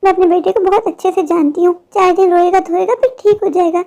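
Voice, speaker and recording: A woman voicing a bitter, sharp-tongued older mother-in-law in a cartoon story, taunting her daughter-in-law. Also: very high-pitched, fairly even intonation, quick pace. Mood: gloating.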